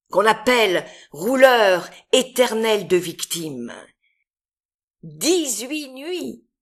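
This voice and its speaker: This poetry reader is a woman with a mid-range voice who recites literary poems dramatically and expressively. Her phrasing is deliberate, with long pauses between phrases.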